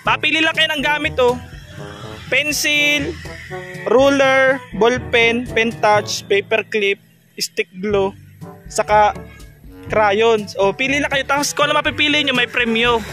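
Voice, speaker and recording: A very high-pitched man with a bright, ringing voice runs a prize game for kids on a charity vlog. He coaxes them along playfully and laughs a lot. Faint music plays behind him. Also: steady tone, measured pace. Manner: playful, coaxing, laughs often. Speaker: charity vlogger hosting a game for children. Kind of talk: casual chat with kids.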